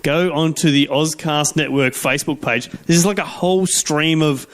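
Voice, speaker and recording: This is an Australian man co-hosting a comedy podcast. His voice sits a touch high, and he talks in a casual, jokey, blokey way. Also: fairly even intonation, normal speed. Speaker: podcast co-host.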